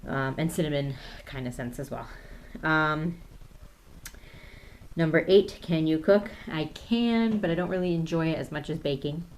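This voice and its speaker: A woman's voice: low-pitched, a little slow, a little hiss or hum. A woman in her thirties chatting casually through a tag video, hesitant and full of ums as she reads questions off her phone. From Canada. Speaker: YouTube vlogger.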